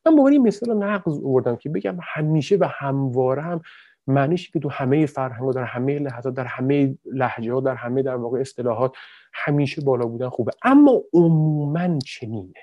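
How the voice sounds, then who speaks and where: A man giving an animated explanatory talk, addressing his listeners directly, with frequent fillers and self-corrections. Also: medium pitch, no echo, muffled recording. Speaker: lecturer. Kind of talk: explanatory talk on language and emotion.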